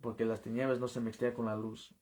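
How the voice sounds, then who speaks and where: Earnest halting man sharing his testimony. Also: mid-range voice, flat delivery, a little mellow. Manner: earnest, halting, repeats and restarts words often. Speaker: evangelist giving a testimony. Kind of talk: personal testimony in an interview.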